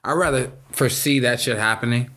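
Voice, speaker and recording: A man's voice: mid-range voice, a little fast, bright, forceful tone. A man co-hosting a podcast in laid-back casual chat, swearing and laughing often. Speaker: podcast co-host.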